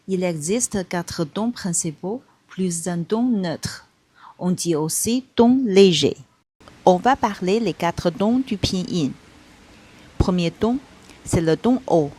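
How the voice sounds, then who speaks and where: A woman teaching a pronunciation lesson, speaking slowly and carefully and repeating syllables to show each tone. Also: lowish voice, a little mellow, slightly rough. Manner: slow, careful, demonstrates tones by repeating syllables. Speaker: Chinese teacher.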